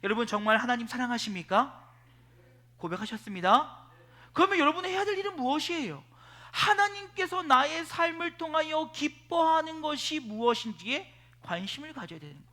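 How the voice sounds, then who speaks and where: Animated high-voiced male pastor. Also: a little fast. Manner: animated storytelling, swings between loud and hushed. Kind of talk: sermon. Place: church sanctuary.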